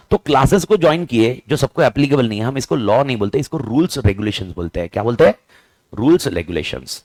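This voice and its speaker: A male teacher lecturing a class with a very lively, swooping delivery. He keeps questioning the students and slips into casual slang. The sound is close and dry. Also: fairly high pitch, no echo. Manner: questioning, mixes Hindi and English, playful slang.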